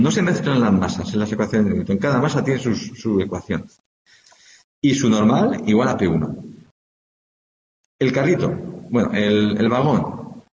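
Guy teaching physics, thinks out loud, checks in with the class, echoey dull recording. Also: mid-range voice. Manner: explains step by step, thinks aloud, often checks with "¿de acuerdo?". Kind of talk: informal classroom lecture. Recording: echoey hall, dull lo-fi sound, faint background noise.

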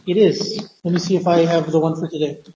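A man giving an improvised online university lecture, speaking haltingly with frequent filled pauses and repeated words. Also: fairly high pitch, little pitch movement, background noise. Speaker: university language teacher. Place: indoor room, teaching a live online class. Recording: echoey reverberant room, muffled audio.

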